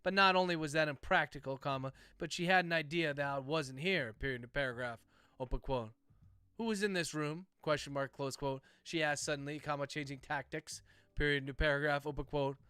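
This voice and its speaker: A man reading story text aloud as dictation, speaking each comma and paragraph break in a steady cadence. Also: on the high side, fairly quick, clear, resonant tone, dry recording. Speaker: narrator dictating a novel.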